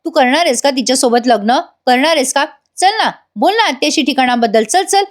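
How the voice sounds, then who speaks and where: A woman reading the lines of a blunt, hot-tempered young village man who scolds loudly. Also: high voice, expressive, a little fast. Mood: scolding. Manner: shouting, scolding.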